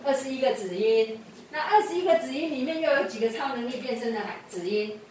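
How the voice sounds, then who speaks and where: A woman's voice: high-pitched, expressive, fairly quick, darkish tone. A woman tutoring pupils in a classroom, patiently repeating prompts and quizzing them. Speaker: English teacher. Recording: echoey room from far off, faint noise.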